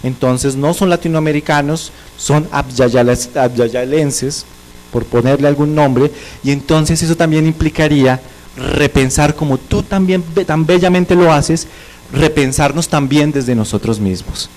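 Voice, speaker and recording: A man with a fairly high-pitched voice offers reflective commentary as a seminar discussant. He speaks in short, measured phrases and builds his ideas slowly and philosophically. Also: darkish tone, rough recording.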